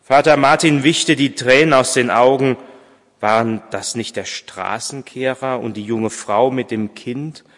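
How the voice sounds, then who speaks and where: A pastor reading a story aloud in a church service, measured and a little hesitant when speaking freely. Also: male voice, mid-range voice, a bit bright. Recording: long church reverb, distant mic.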